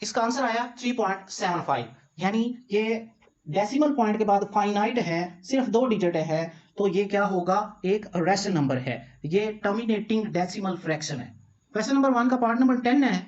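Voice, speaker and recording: A man's voice: sits high, lo-fi sound. A man from Pakistan teaching a math lesson, explaining each step patiently in a mix of Urdu and English terms.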